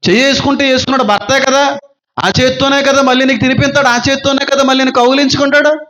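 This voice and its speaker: A man's voice: very high-pitched, fairly even intonation, quick pace, pushed and bright. A man preaching a sermon as pastor, piling up repeated rhetorical questions.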